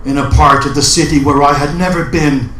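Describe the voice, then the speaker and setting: A man at an open mic, introducing and reciting his poetry with measured, deliberate phrasing. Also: fairly high pitch, steady tone, fairly bright tone. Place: indoor open mic event room. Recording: roomy live recording with background noise.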